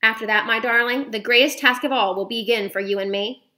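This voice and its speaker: A woman voicing a feisty, forceful old grandmother. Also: a little high, fairly even intonation, a little fast. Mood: determined. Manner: forceful, emphatic. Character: bold, feisty old grandmother witch hunter.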